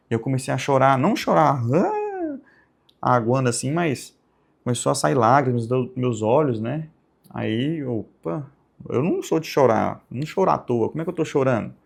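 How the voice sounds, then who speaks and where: A young man with a lilt shares a personal testimony in a soft, meandering way. His voice carries a gravelly rasp at the bottom, set at an ordinary pitch for a man. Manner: soft-spoken, rambling storytelling with frequent tag questions. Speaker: channel host giving testimony.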